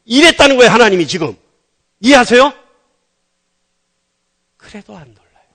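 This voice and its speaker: Animated high-voiced male pastor preaching. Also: moderate pace. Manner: animated storytelling, acting out dialogue in lively voices. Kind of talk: sermon.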